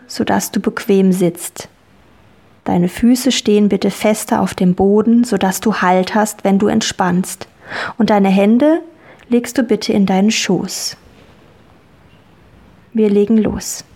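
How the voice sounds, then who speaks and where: A woman guiding children through a relaxing dream journey, speaking calmly and soothingly with gentle repetition. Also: medium pitch. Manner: slow, calm, soothing and repetitive. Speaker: guided relaxation guide for children. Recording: soft music bed. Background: soft music.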